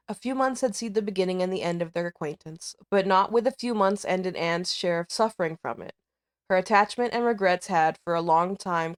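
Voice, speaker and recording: A woman reads literary fiction aloud as a storyteller. Her voice sits in a medium register. She phrases the prose carefully, with measured pauses between clauses. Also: mid-range voice. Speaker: storyteller reading a classic novel aloud. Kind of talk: audiobook-style literary narration.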